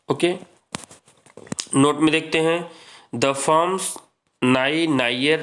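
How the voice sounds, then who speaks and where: A man teaching an exam-prep grammar lesson, explaining slowly and repeating points while addressing students as friends. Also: mid-range voice, fairly bright tone.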